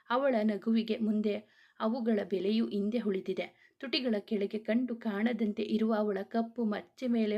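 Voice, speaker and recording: A woman narrating a romantic story in a steady descriptive reading. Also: medium pitch, dull audio.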